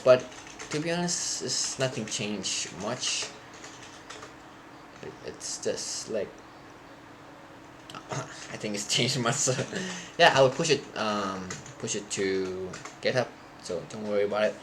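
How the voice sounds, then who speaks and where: With a lowish voice and plenty of background noise, a young native Thai speaker talks casually to his live stream audience. He often stops and starts over as he searches for the right words.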